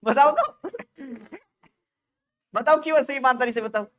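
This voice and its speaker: Guy teaching nursing pharmacology online, high voice, keeps laughing and ribbing the class. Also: normal speed. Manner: joking, teasing students for laughing; animated, laughs often.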